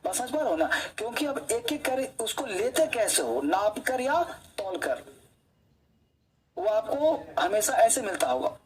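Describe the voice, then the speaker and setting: A man's voice: very high voice, very animated, a little slow, rough recording. A male English teacher giving an online coaching lecture, chatty, who keeps quizzing his students and tells personal stories while he teaches.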